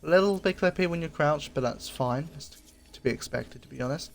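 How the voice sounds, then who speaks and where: A man's voice: a little high, brisk, gravelly, heavy background noise. A man hosting a casual review of game cosmetics. He talks in an easygoing, repetitive way and often corrects his own slips. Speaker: gaming channel host.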